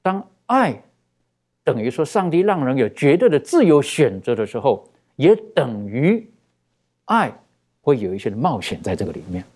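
A man giving a sermon, talking in an animated, conversational way with many fillers and drawn-out emphasis. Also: mid-range voice. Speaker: preacher.

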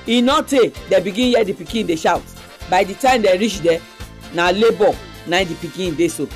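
Woman, Nigerian accent, mid-range voice, radio host, Pidgin presenting, faint music behind. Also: mid-range voice.

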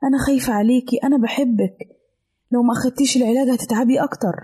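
A woman with an Egyptian Arabic accent voicing a worried, loving mother in a storybook tale, coaxing and gentle. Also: fairly high pitch, steady tone, very fast, slightly rough.

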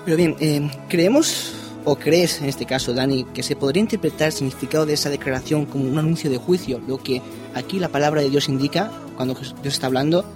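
A male radio host asking a guest questions on behalf of the listeners, with music clearly behind him. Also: on the high side, brisk, hardly any pauses.

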